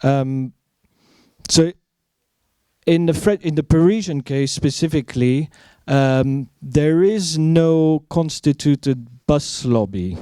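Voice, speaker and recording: A man answering audience questions as an academic speaker, phrasing his thoughts deliberately with pauses. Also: on the high side, warm tone, clean tone, dry recording.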